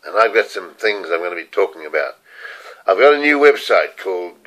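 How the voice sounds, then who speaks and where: A man's voice: low-pitched, very animated, fairly quick, fairly bright tone, poor audio. A man in his seventies with a New Zealand accent, talking candidly to camera at home in a rambling personal video diary, swearing casually. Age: 70s. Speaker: video diarist. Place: room at home.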